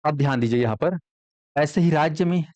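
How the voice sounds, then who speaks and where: A man's voice: fairly high pitch, brisk, a little mellow, no echo, lo-fi sound. A man teaching an exam coaching class, constantly asking his students questions and answering them himself. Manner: quizzes students with frequent call-and-response questions. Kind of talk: classroom lecture.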